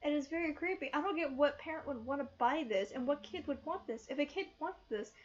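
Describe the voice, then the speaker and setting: A woman's voice: high voice, brisk, a little hiss or hum. A young woman co-hosting a casual movie review chat, talking animatedly with emphatic rhetorical questions. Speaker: film review co-host. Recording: dull lo-fi sound.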